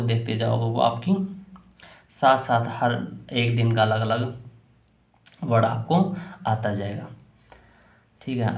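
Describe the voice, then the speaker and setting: Hindi-accented male teacher in an echoey room. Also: mid-range voice. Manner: rambling, repeats and restarts phrases. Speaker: English teacher. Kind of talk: casual spoken lesson answering student questions.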